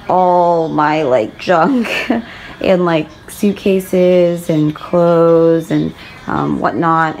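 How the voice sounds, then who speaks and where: A young woman talks to her vlog in a slightly low voice with plenty of fry. She is informal and rambling, often poking fun at herself. There is noticeable ambient noise behind her. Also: darkish tone. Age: young adult. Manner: rambling, self-deprecating, informal. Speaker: vlogger. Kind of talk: casual vlog chat to camera. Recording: noisy handheld vlog with background ambience.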